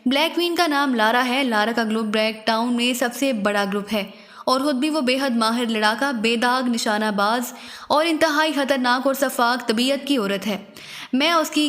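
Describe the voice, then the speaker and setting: A woman's voice: on the high side, moderate pace, fairly bright tone, natural voice. A woman voicing a frightened middle-aged male crime boss who is a doting father and talks in a frantic, pleading way. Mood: confiding. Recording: long reverberant echo.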